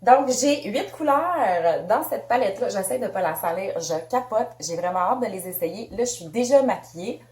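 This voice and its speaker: A woman's voice: medium pitch, animated, moderate pace, hardly any pauses, a little mellow, echoey room. Bubbly Québécoise woman unboxing makeup. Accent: Québécois French. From Canada. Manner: bubbly, chatty, laughs often. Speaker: beauty vlogger. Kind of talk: casual unboxing chat.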